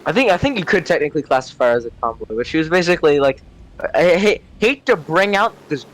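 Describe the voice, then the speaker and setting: Quick, very animated, and a bit bright, this young man's fairly high voice carries loose, rambling stories on a gaming channel, full of word-searching and free swearing. The recording is low quality, with clear noise resembling a vehicle behind him.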